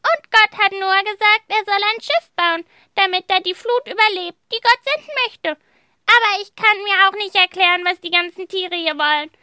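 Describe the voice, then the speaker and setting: A bubbly time-travel guide from a children's audio story, voiced by a woman in a very high, glassy bright tone. She chatters eagerly to young listeners. The sound is dry and close. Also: moderate pace, no room sound. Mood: storytelling. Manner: excited, talks straight to young listeners.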